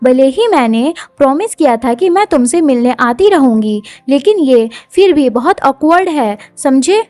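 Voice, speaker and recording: A woman doing a quick-tempered young noblewoman. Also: high voice, lively intonation, dark tone, no echo. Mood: exasperated. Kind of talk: manhwa recap voice acting.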